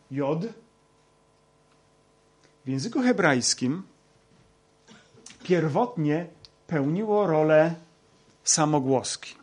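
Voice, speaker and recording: A man teaching a Bible lesson, talking slowly with many hesitations and fillers. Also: on the high side. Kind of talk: lecture with slides.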